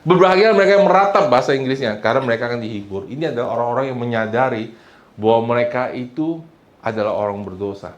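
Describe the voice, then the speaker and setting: A man's voice: mid-range voice, steady tone, quick pace, reverberant, lo-fi sound. A pastor preaching a sermon who mixes English phrases into his talk, asks his congregation for responses and acts out the people he quotes. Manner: acts out quoted people, sometimes loud and shouting. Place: church hall.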